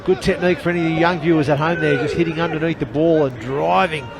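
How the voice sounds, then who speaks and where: A man's voice: a little high, steady tone, quick pace, gravelly. Male co-commentator, talks through replays, crowd audible behind. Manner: chatty, explains plays, shouts at big hits. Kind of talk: live rugby league analysis.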